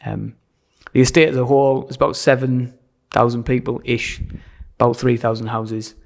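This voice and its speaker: A man's voice: mid-range voice, flat delivery, moderate pace, vocal fry. A middle-aged man with a toned-down Sunderland, North East English accent, chatting as a pastor being interviewed. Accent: Sunderland, toned down towards general North East English. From Sunderland, North East England. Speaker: pastor, podcast guest. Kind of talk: conversational interview. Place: church side hall.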